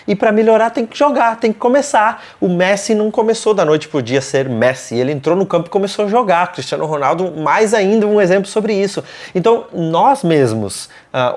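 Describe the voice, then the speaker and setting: A man's voice: high-pitched, a little mellow. A man with a Brazilian accent, co-hosting a casual motivational talk, speaking emphatically and repeating short punchy slogans. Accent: Brazilian Portuguese.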